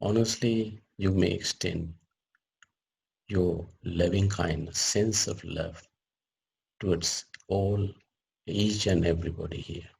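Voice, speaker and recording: In a poor-quality recording, a meditation teacher with a low, husky, somewhat dark voice guides a group. His tone stays steady as he delivers short phrases very slowly and deliberately, pausing between them.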